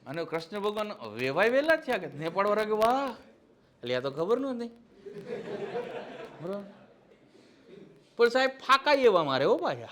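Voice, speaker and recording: In a classroom lecture, an exam-prep history teacher with a high, fairly bright voice drops teasing, mocking satirical asides. He keeps checking that his listeners agree with him.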